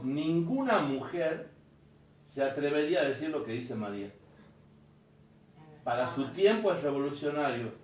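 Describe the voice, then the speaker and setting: Priest, higher voice, roomy sound. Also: male voice, lo-fi sound. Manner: storytelling, acting out quoted dialogue. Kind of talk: informal teaching talk to a group. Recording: echoey room, mic far off.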